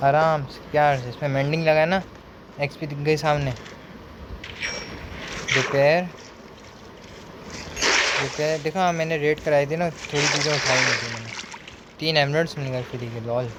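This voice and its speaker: A man's voice: a little high, steady tone, brisk. Young man chatting over gameplay, noisy. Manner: chatty, counts blocks aloud, mixes English words in. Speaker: gaming streamer. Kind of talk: casual gameplay commentary. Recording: noticeable background noise.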